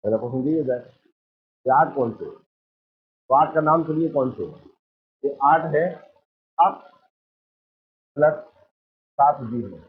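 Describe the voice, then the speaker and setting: A man's voice: a little high, a little slow, long pauses. A man teaching a coaching class, quizzing his students again and again as he explains. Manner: drills the class with repeated questions. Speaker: Hindi teacher. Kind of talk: exam coaching lecture. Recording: tinny phone-like sound.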